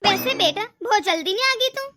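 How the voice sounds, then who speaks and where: Woman doing a soft sick old mom in a cartoon family drama, still quite high and bright. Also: animated, a little fast, heavily acted. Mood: soothing. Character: sickly, kindly older mother-in-law, always defending her daughter-in-law. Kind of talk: animated family drama voicing.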